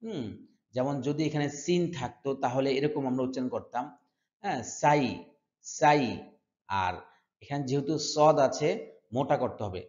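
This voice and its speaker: A man with a Bangladeshi Bengali accent teaching Quran recitation, chanting verses in drawn-out syllables and repeating sounds for students to follow. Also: medium pitch, a little mellow. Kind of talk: slow tajweed lesson with chanted recitation. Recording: echoey room, dull lo-fi sound.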